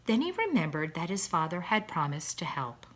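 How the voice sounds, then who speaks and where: Reading a storybook aloud to children the way a teacher would, a woman narrates expressively and deliberately in a voice on the low side.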